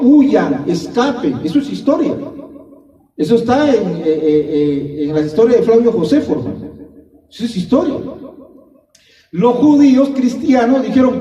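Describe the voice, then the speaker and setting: A man's voice: high voice, mellow. A man preaching a sermon, emphatic and repetitive, calling his listeners brother. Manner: emphatic, repeats phrases, addresses listeners as brother. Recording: echoey hall, distant dull mic.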